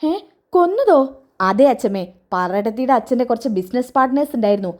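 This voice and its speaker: A woman voicing a calm young husband who explains things patiently. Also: a little high, quick pace, lightly acted.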